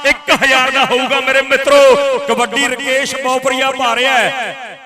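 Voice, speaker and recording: A man calls a kabaddi match in a very high-pitched, loud voice with a Punjabi accent. He announces in a rousing style, dropping in rhyming slogans. A crowd is clearly heard around him at an outdoor ground. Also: steady tone, normal speed. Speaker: kabaddi commentator. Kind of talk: live sports commentary over a loudspeaker. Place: outdoor village tournament ground. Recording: loudspeaker commentary amid a clearly audible crowd.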